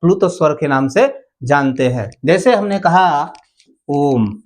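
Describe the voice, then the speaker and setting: A man's voice: a little high, lively intonation, takes it slowly, a little mellow. A male teacher giving an exam-prep grammar lesson, repeating key terms and asking rhetorical questions.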